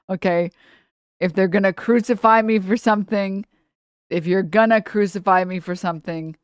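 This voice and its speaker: A woman's voice: on the low side, clear, resonant tone, no echo, studio quality. A woman livestream host giving casual, mocking reaction commentary and swearing freely.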